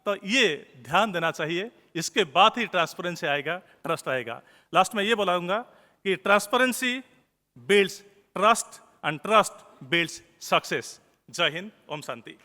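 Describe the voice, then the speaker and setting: A man's voice: high voice, expressive, measured pace, pushed and bright. A man with an Odia accent, a news editor giving an earnest conference speech and repeating key phrases for emphasis. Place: large conference hall. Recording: long hall reverb.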